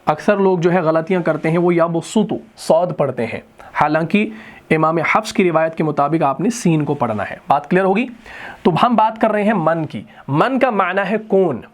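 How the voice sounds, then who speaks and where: A man teaching Quranic Arabic grammar in a recorded lesson, who explains step by step and often checks that his students follow. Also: high voice. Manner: intones Quranic verses in a slow chant.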